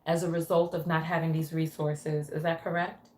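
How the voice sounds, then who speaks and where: A woman's voice: low-pitched, level tone, normal speed, darkish tone. Echoey female live coach and host. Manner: guiding, reflects back and checks in with questions. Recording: echoey, roomy sound.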